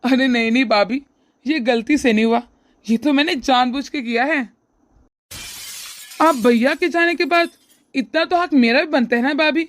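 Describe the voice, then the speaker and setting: A woman's voice: high-pitched, measured pace, long pauses. Woman voicing a sly leering brother-in-law. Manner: oily, smug, teasing. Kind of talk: cartoon voice acting.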